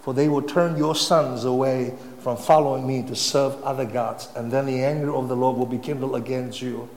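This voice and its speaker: A man preaching a sermon, emphatic, swinging between loud and soft phrases. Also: medium pitch, steady tone, moderate pace. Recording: echoey hall, faint ambience.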